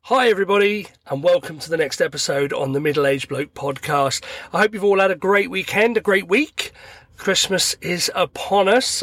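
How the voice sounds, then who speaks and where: A middle-aged man, croaky and tired from illness, rambling chattily as he hosts a podcast from his parked car. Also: fairly high pitch, a bit bright, no echo. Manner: rambling, chatty, acts out everyday dialogue. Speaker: podcast host. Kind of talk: casual solo podcast monologue. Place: parked car at a motorway services.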